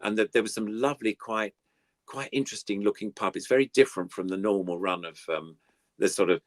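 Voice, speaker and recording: Here a guest puppeteer, an older man, talks casually and excitedly about his days in TV puppetry, wandering from story to story. His voice is on the low side and brisk, captured at studio quality with no room sound.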